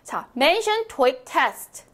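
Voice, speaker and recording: A young woman teaching an online English lesson, lively and encouraging, reading example phrases slowly for students to repeat. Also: high-pitched. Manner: lively, encouraging, checks in with "right?" often.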